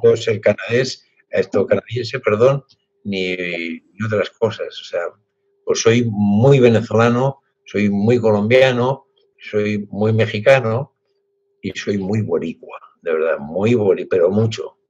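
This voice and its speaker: The sixty-something author from Spain's Basque Country pauses and restarts often as he reflects, speaking over a video call from his home library. His lowish voice is slightly mellow with some breathiness, captured through a laptop webcam in dull, lo-fi sound.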